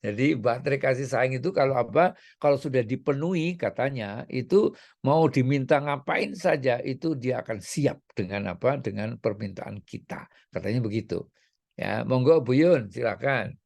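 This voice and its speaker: Casting: gravelly middle-aged male coach, chatty, loose delivery. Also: medium pitch, moderate pace, darkish tone. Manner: chatty, many fillers and tag questions. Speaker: parenting coach. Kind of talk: casual talk.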